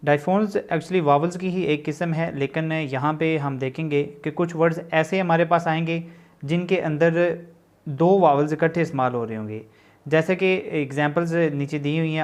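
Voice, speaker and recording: A male shorthand instructor with a slightly raised pitch gives a patient classroom-style lesson. He restates each point for his students, and he slows to a deliberate pace when he reads definitions aloud. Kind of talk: explanatory lesson.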